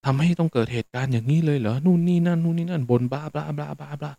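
A man's voice: a little high, rapid-fire, dark tone, dry recording, voice pushed up, close to an everyday voice. A man voicing an older male taxi driver in his sixties who rambles on in a hurt, self-pitying way about his trade. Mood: aggrieved.

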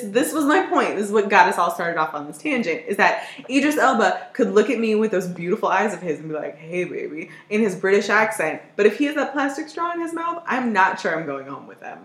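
A woman co-hosting a podcast in casual chat, expressive with dramatic reactions. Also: mid-range voice, echoey room. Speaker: podcast co-host.

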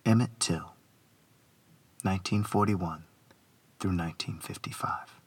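A poet reads his own work dramatically, giving it an incantatory, rhythmic delivery full of repeated phrases. His voice is low and husky, and he speaks a little slowly.

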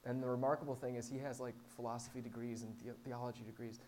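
Here a pastor with a mid-range, darkish voice keeps a level tone and quick pace while addressing a small congregation live. His preaching is informal and conversational, full of self-deprecating humor, and the audio is clear apart from background noise and hum.

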